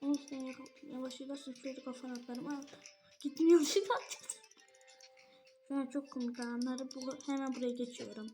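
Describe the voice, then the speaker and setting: High-voiced excitable woman gaming commentary. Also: brisk, soft background music. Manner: excitable, frequent exclamations and squeals; nervous and excited, says she stumbles over words. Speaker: gaming channel host. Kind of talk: live gameplay commentary.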